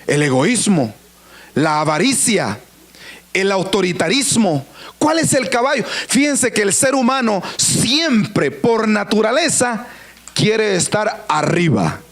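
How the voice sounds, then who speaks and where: A man's voice: sits high, expressive, slow, fairly bright tone. A man preaching a sermon in a church, dramatic and questioning, acting out the voices he quotes. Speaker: pastor.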